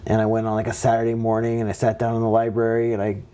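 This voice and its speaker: A man's voice: fairly low pitch, rapid-fire. A young man from California telling stories from his past in a casual interview, acting out what others said to him in raised voices. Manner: animated, acts out quotes in raised voices. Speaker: interview guest. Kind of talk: casual storytelling.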